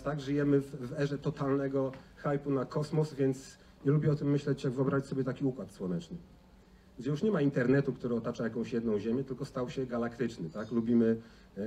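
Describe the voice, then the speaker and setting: A middle-aged man with a mellow, mid-range voice gives an informal conference talk, speaking conversationally and often adding tag questions. He's on a large indoor auditorium stage, and the sound is distant and noisy, as heard in a hall.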